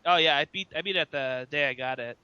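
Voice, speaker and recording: A man's voice: fairly high pitch, quick pace, bright, forceful tone, clear, resonant tone, dry recording. A young man co-hosting a casual gaming podcast, chatty and often restarting his sentences. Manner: chatty, trails off and restarts mid-thought. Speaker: podcast co-host. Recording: muffled lo-fi podcast audio.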